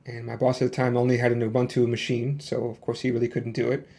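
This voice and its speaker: A Chicago man in his thirties hosts a casual solo podcast, rambling with lots of fillers and restarts. His medium-pitched voice is mellow and monotone, fast-paced, with vocal fry.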